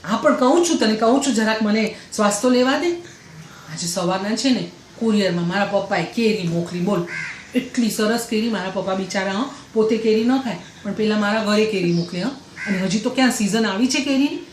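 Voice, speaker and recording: A woman's voice: mid-range voice, a little fast, lightly acted. A woman playing a gossipy middle-aged housewife who complains about her in-laws, talking breathlessly and repeating herself. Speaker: comedian. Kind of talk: comic character monologue. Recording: roomy echoey recording, faint noise.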